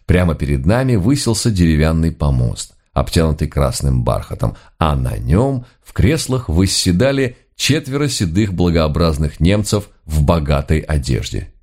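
A man with a very low voice reads a comic novel aloud. His delivery is dry and ironic, yet his intonation rises and falls in lively swings. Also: normal speed, few pauses. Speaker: audiobook narrator. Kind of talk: scripted narration of a comic novel.

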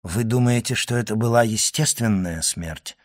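A man voicing a grave doctor who questions an old man in a low, hushed and urgent voice. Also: normal speed, no echo, clean studio sound, close to an everyday voice. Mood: hushed probing.

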